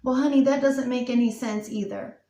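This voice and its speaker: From a distance in a roomy space, a woman with a fairly high, warm voice gives a pick-a-card tarot reading at a brisk clip. She's earnest and emotional, and her talk is packed with "um" and "like."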